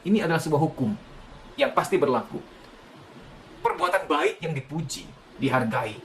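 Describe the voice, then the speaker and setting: A man giving a lecture on parenting, animated, often acting out what parents and children say. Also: a little high, a little hiss or hum. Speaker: psychology lecturer.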